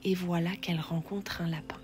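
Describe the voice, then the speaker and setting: A woman narrating a children's bedtime story in a soft, half-whispered, gentle voice. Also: lowish voice, steady tone, normal speed. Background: faint music.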